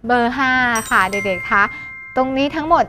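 A woman teaching English for an exam, lively, asking questions and answering them herself. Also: high voice, normal speed, over music. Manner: mixes English words into her talk. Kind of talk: exam-prep lesson.

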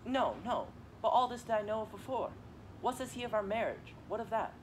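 A teenage boy doing an impatient young girl in love, pleading, slightly high voice, faint background hiss. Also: lively intonation, fairly quick, poor audio. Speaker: student actor. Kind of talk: amateur Shakespeare reading.

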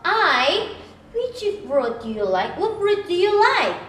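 Slow, high, sing-song Korean-accented teacher. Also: female voice, big pitch swings, a bit bright, echoey room, a little hiss or hum. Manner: exaggerated, sing-song, full of gasps and cheers. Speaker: children's English teacher. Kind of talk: playful lesson for small children.

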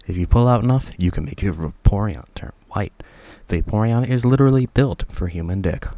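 A man with a deep voice reading a script in an ASMR style, close to the microphone. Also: darkish tone, no room sound. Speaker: internet video creator.

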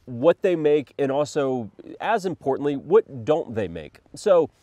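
A man's voice: on the high side, big pitch swings, a little slow, dark tone, no echo, dull audio. A man in his thirties co-hosting a gun review, talking casually with lots of fillers, a little under the weather with a cough. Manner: rambling, filler-heavy, thinks aloud. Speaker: co-host of a firearms review channel.

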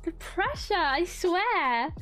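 A woman's voice: extremely high pitch, big pitch swings, slow pace, a bit bright, soft background music. A young woman streaming a video game, chatting casually and breaking into frequent giggles and squeals. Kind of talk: casual gameplay commentary.

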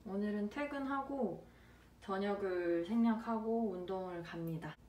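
A woman's voice: mid-range voice, a little slow, darkish tone, reverberant, distant mic, a little hiss or hum. A young woman chatting casually to the camera for her vlog, her voice muffled through a face mask. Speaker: vlogger.

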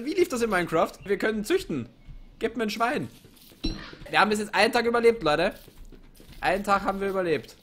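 A young man with a cold doing excitable let's play commentary on a game, with jumpy exclamations and self-mocking remarks. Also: mid-range voice. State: sick with a cold, coughing. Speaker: gaming YouTuber.

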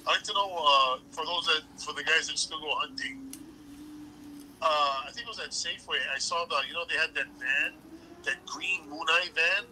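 A man's voice: fairly high pitch, moderate pace, pushed and bright, slight background noise, rough recording. A man hosting a casual livestream chat, telling stories and laughing often. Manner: storytelling, laughs often, says bro, Hawaiian pidgin touches. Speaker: livestream host.

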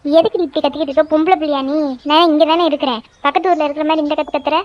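Brief: woman playing a nagging cartoon mum, high, quick, dull dry recording. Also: steady tone, no echo, natural voice. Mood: scolding. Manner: scolding, nagging. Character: scolding middle-aged village mother. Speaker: voice actor. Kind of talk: cartoon dubbing.

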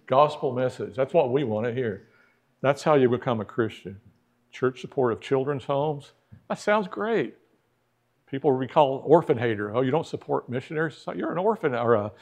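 A middle-aged man with a medium-pitched, darkish voice teaches a church history class in a church classroom. He talks conversationally, puts questions to the class, and acts out the people he quotes.

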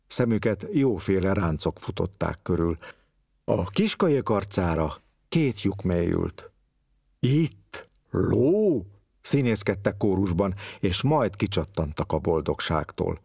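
A man reading a literary story aloud with expressive, varied storytelling. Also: low-pitched, vocal fry, slightly rough, dry recording, clean studio sound.

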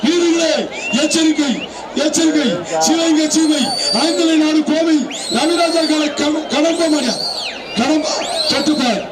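High-pitched male announcer over a loudspeaker. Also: steady tone, a little slow, very noisy. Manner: shouts bull names and prize calls, taunts the tamers. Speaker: bull-taming event announcer. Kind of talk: live event commentary. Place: outdoor bull-taming arena. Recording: echoey, distant loudspeaker sound with loud crowd. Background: large cheering crowd.

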